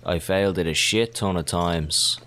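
Deep-voiced, foul-mouthed male gamer. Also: moderate pace, a little hiss or hum. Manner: profane, swears heavily, excitable outbursts. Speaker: gaming commentator. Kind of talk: casual let's-play commentary.

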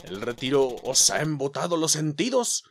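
A man with a Mexican Spanish accent voicing a menacing dark knight rival in a game, in slow, theatrical old-fashioned speech. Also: fairly high pitch, very animated, a little hiss or hum. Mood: taunting.

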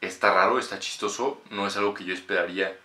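A twenty-something native Spanish speaker with a Mexican accent reviews music in casual, slangy chat with swearing. His low voice is steady, bright, and forceful, and he talks quickly. The recording, made indoors in a small bedroom, has roomy echo and faint music.

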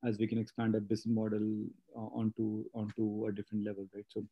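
In a relaxed interview, an Indian guest in his late thirties who runs a spa business talks through his career in non-native English, wandering with restarts and plenty of fillers. He speaks fast and monotone at a fairly low pitch, and the recording is muffled.

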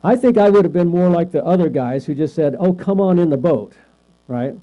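Mains hum sits under this lo-fi recording of a man teaching a Bible class. His voice is on the high side, expressive and mellow, and he speaks a little fast, chatting with the class, asking them questions and checking in with "right?".

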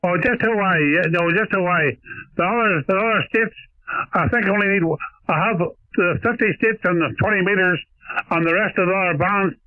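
A man from Ireland, heard over a shortwave radio as a ham operator, speaking in steady radio procedure and ending each turn with "over.". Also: sits high, moderate pace, dry recording. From Northern Ireland. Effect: heard over a shortwave radio receiver. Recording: tinny narrow-band radio signal.

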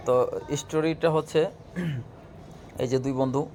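A man of medium pitch hosts a casual step-by-step app tutorial, talking straight to viewers at a normal speed with a darkish tone and fairly even intonation. Clear background noise and room ambience fill the recording.

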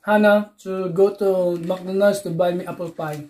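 A woman's voice: on the low side, fairly even intonation, moderate pace, darkish tone. A woman from the Philippines with a Filipino accent, chatting casually in a family vlog and switching easily between Tagalog and English. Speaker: vlogger and mother.

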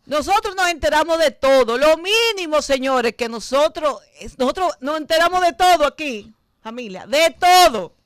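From the Dominican Republic, this woman in her fifties runs a late-night studio talk show, her high, expressive voice moving at normal speed through a stand-mounted desk mic with no echo. She has a Dominican Spanish accent. Her style is brash and profane, scolding with loud bursts.

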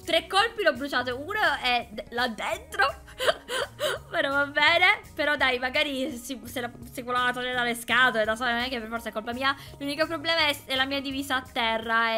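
A young woman gamer chatting to her viewers while playing, excitable and talkative. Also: high voice, fairly quick, hardly any pauses. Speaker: gaming YouTuber. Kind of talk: let's play commentary. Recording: game music behind.

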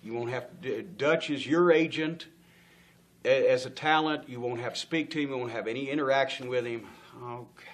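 A brisk, medium-pitched male voice belongs to a middle-aged guest on a stage-lit indoor studio set. Throughout the interview he tells a long backstage anecdote, dramatizing the people he quotes while laughing often and swearing without restraint.

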